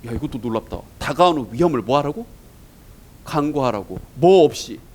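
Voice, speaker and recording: A man's voice: medium pitch, animated, normal speed, a little mellow, poor audio. A man teaching an English exam-prep lecture in Korean, asking his students rhetorical questions as he goes.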